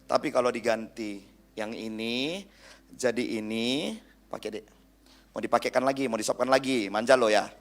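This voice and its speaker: A man's voice: medium pitch, fairly even intonation, normal speed. A young man with a Medan Indonesian accent preaching a humorous youth sermon in a church hall, joking with the crowd and mimicking people.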